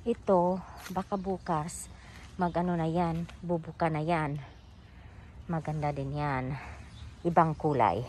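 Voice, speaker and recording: Filming on her phone as she walks, a middle-aged Filipino-accented vlogger shows off her front garden outside, mixing English and Tagalog in casual talk. She speaks low and steadily, a little slowly and a little mellow, leaving long pauses, with slight background noise.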